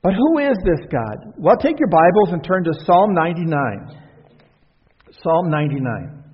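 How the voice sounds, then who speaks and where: This pastor speaks at a normal pace in a husky, sing-song voice that sits on the high side. He preaches conversationally in a church sanctuary, asking rhetorical questions and letting his voice rise and fall, captured in a dull recording full of hall reverb.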